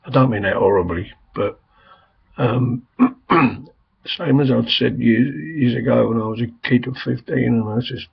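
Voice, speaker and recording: Hoarse older man with a rough, croaky voice. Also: mid-range voice, unhurried. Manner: rambling, chatty, frequent "I mean" and "um". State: hoarse, coughs, voice strained. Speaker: vlogger. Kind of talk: casual video message. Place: quiet home room. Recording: dull lo-fi home recording.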